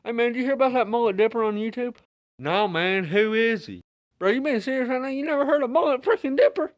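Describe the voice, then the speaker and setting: Man putting on an excitable, high-pitched incredulous buddy. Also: fast talker. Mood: incredulous hype. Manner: incredulous, loud, slangy. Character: excitable crude male buddy hyping a YouTuber.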